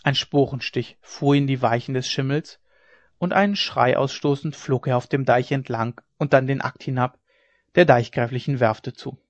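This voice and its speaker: A man reading a classic novel aloud as an audiobook narrator in a steady storytelling manner. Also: medium pitch, moderate pace, dry recording. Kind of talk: scripted narration. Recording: dry, dull lo-fi recording.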